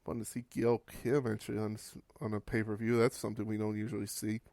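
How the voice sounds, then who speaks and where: A man's voice: fairly low pitch, little pitch movement, fast talker, creaky, mellow, dry recording, clean studio sound. A man hosting a podcast, giving a casual, wry recap of old wrestling matches and swearing for laughs. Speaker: podcast host.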